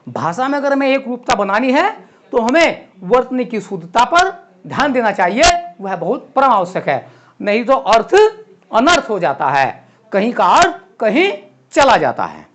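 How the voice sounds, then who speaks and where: A man teaching a lesson to exam students, writing on a board as he explains and repeating words slowly and clearly. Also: very high voice, fairly bright tone.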